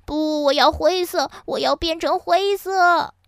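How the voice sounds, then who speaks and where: A woman's voice: very high-pitched, unhurried, no room sound, clean studio sound, pitched above the performer's own voice. A woman voicing a stubborn little male wolf who insists and whines. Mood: whiny insistent. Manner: insistent, whining, then bold. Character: stubborn little green wolf boy, whiny and proud.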